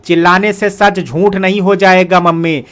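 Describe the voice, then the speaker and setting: A man's voice: high voice, fairly even intonation, normal speed, fairly bright tone. A man reading the lines of a young adult brother who is stern but patient and earnest when he scolds. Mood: angry.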